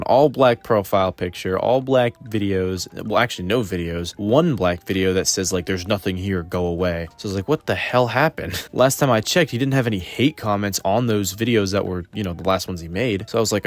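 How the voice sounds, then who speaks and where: A man's voice: on the low side, no room sound. A man talking through a casual commentary video, chatty and profane, often breaking into short laughs. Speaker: commentary YouTuber.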